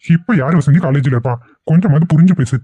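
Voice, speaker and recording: A man's voice: fairly high pitch, quick pace, warm tone, husky, dry recording, muffled recording. A man voicing a worried, impatient middle-aged father who scolds his wife, in a cartoon. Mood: worried, scolding. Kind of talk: cartoon voice acting.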